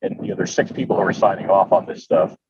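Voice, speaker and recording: A man's voice: sits low, very animated, fast, creaky. A man, a commercial builder, explaining things with wry asides while heard over a conference call line. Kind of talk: casual panel discussion. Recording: distant muffled noisy call audio.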